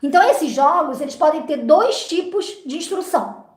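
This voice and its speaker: High-voiced woman teaching literacy. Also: expressive, moderate pace, darkish tone, reverberant. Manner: didactic, frequent "né?" and "então" fillers. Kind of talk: explaining classroom phonics games.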